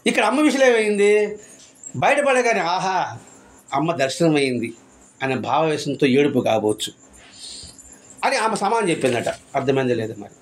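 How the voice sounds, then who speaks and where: A man giving a devotional discourse, full of rhetorical questions and repeated phrases. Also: sits high. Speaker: spiritual speaker.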